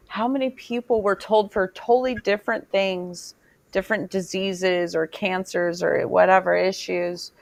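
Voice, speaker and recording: A woman's voice: lowish voice, creaky, no room sound. A woman hosting an interview over a video call, talking earnestly with many fillers. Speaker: host.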